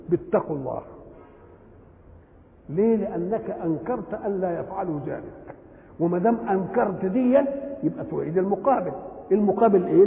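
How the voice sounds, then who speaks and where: An older man with an Egyptian accent giving a lively religious lesson, often asking his listeners a question and then answering it himself. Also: sits high, creaky. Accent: Egyptian Arabic. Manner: animated, asks questions and answers them himself. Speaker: Quran commentator. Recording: tinny, echoey old hall recording.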